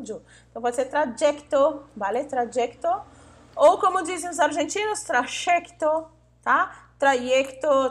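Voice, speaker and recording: High-voiced woman teaching patiently. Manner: patient, repeats words slowly, checks in with "tá?" and "vale?". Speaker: Spanish teacher. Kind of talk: online language lesson.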